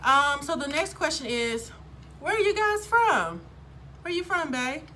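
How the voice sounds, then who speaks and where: Bright, chatty woman in her thirties. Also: high-pitched, sing-song, measured pace, a little hiss or hum. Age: 30s. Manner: upbeat, chatty, lots of ums. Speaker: vlogger. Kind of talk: casual chat to camera.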